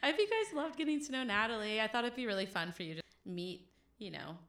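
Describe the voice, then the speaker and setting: A woman's voice: a little high, animated, fast, a bit bright. Effusive young woman podcast host. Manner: effusive, giggly, gushing. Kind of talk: casual podcast chat.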